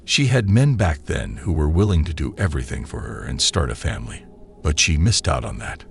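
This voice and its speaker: A man narrating scripted commentary in a very deep, gravelly voice. His pitch swings widely as he lectures in a measured way. Faint music plays under him. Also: sing-song.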